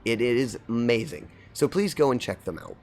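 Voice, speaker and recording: While gaming on stream, a man with an animated, medium-pitched voice chats at a moderate pace, rambling amiably and greeting viewers in chat by name. Seasonal allergies give his voice a slight scratchiness.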